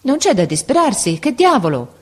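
Brief: a woman reading a kindly male shopkeeper in a storybook, calm and reassuring. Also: on the high side, moderate pace, breathy edge, voice pushed up. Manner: reassuring, matter-of-fact. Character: kindly middle-aged male shopkeeper with glasses.

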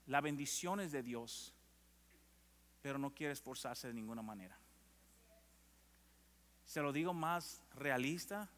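A pastor preaches in a fairly high voice that rings out with long hall reverb. He moves between easy, conversational asides to his congregation and loud, animated readings of scripture. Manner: conversational, asks the congregation if they are with him. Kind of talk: sermon.

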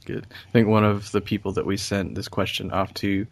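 A man hosting a podcast, chatting in a relaxed, friendly way with frequent ums, then reading the show outro. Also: on the low side, a little fast, dry recording. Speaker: podcast host.

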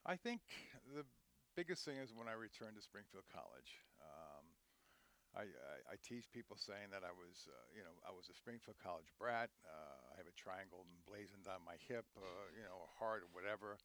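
Speaking at a normal pace in a low, animated voice, this guest is a man in his sixties who works as a head equipment manager. On the interview podcast he spins warm, meandering stories, often restarting and filling gaps with fillers.

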